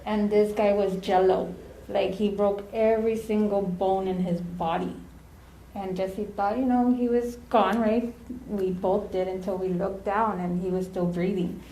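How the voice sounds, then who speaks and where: A woman's voice: mid-range voice, steady tone, unhurried, dark tone, a little hiss or hum. A woman telling stories at a eulogy, chatty and dropping Spanish phrases into her English. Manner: chatty, laughing through anecdotes, drops in Spanish phrases. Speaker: former ambulance partner giving a eulogy. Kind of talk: storytelling eulogy. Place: funeral home chapel. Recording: echoey chapel with faint ambience.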